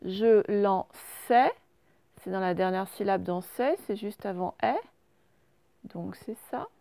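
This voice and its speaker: A woman teacher giving a recorded reading lesson to young children, sounding out each word slowly and patiently. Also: mid-range voice, vocal fry, mellow, no room sound. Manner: slow, carefully sounded-out words. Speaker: primary school teacher.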